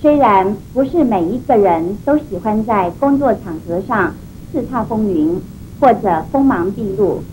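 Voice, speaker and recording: A woman presents etiquette advice in a formal, measured way. Her mid-range voice has a Taiwanese Mandarin accent, recorded on dated videotape with faint background noise. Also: medium pitch, darkish tone, rough recording. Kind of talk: formal scripted instructional address. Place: furnished indoor set at a desk.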